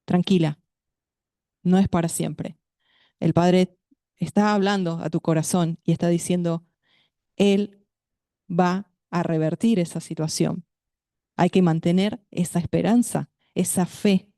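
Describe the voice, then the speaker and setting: A woman's voice: on the low side, warm tone, dry recording, clean studio sound. A woman preaching at a women's meeting, speaking to her listeners directly and asking them questions. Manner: measured, addresses listeners directly as sister with questions. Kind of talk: sermon.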